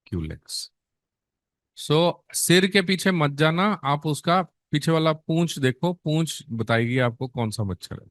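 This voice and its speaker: A nursing exam teacher with an Indian accent delivers a lecture that mixes Hindi and English, peppering his students with rhetorical questions. His voice is somewhat high for a man and very expressive, and he draws out important terms slowly for emphasis. The recording is dry and close-miked, with no sense of a room.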